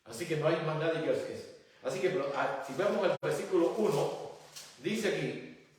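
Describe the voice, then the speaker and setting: Reading scripture before breaking it down through rhetorical questions, a male pastor preaches in an animated way at a moderate pace, his voice a little high for a man and a little mellow. He stands far from the mic, so his words echo heavily through the church hall, with slight background noise.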